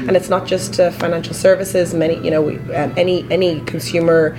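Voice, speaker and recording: A woman with a hoarse, croaky frog voice from a touch of flu, talking haltingly and thoughtfully as a guest in a casual interview. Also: lowish voice, flat delivery, low-quality recording. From Canada. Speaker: interview guest, credit union employee. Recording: busy conference chatter behind. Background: crowd at a conference.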